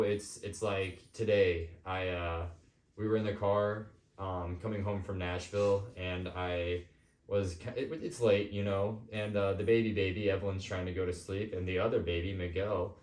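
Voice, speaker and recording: A man hosting a podcast, talking casually and personally in an informal, somewhat halting way. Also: deep voice, steady tone, darkish tone. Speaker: podcast host. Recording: echoey room.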